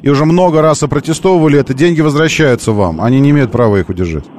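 A man's voice: mid-range voice, racing, a little mellow, a little hiss or hum. A man hosting a live call-in radio show, arguing insistently and repeating phrases for emphasis. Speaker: radio talk show host.

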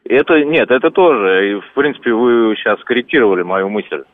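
A man calling in to a radio show over the phone, nervous and halting, speaking on air for the first time. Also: medium pitch, expressive, no echo. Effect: phone line. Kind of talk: call-in opinion. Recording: tinny phone line.

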